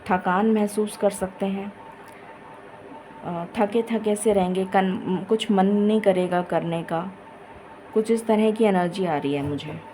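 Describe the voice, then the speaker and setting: Woman, tarot reader, tired and low-energy, dry throat, mellow dark voice, faint background hum. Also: steady tone, low-quality recording. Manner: slow, tired, effortful Hindi-English mix with many pauses. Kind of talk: casual tarot reading to camera.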